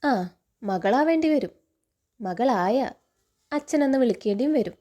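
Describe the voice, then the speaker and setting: A woman's voice: fairly high pitch, expressive, a little slow, mellow. A woman reading a stern middle-aged father. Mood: teasing. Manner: stern, threatening.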